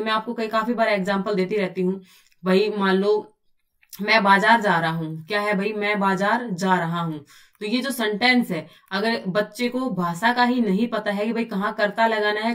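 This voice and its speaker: A woman's voice: medium pitch, distant mic. A woman teaching an exam-prep lesson, who keeps asking questions and answering them herself in a chatty, repetitive way. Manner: explains by asking and answering her own questions, often says "bhai".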